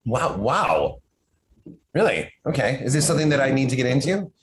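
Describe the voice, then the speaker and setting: A man's voice: medium pitch, big pitch swings, moderate pace, low-quality recording. Rambling, stammering man guest. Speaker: podcast guest, horror author. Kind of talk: casual chat.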